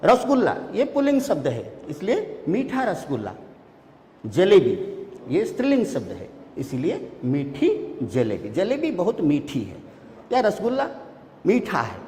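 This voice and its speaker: A man teaching a grammar lesson, listing example words one at a time with pauses in between. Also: high voice, wildly swooping pitch, warm tone, slight background noise. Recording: echoey room with long reverb.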